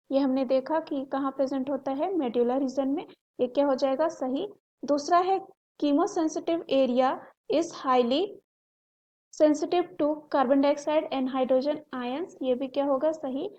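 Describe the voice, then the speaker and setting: A woman explaining a biology exam question step by step. She asks herself rhetorical questions and answers them, repeating key terms slowly. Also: high voice, darkish tone, highs cut off. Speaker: biology teacher. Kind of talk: exam solution walkthrough.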